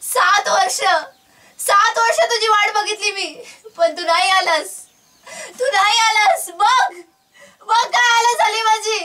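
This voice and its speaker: A woman's voice: extremely high pitch, moderate pace, pauses often, pushed and bright, recorded from a distance. A woman playing a bitter grieving mother. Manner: reproachful, tearful. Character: bitter grieving mother scolding her son.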